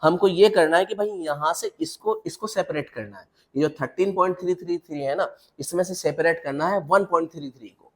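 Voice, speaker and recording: A man's voice: on the high side, animated, a little fast, hardly any pauses. A man teaching a maths lesson, walking step by step through examples and checking in with the class. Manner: repetitive checks with the class, mixing English terms into Hindi. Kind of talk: classroom lecture.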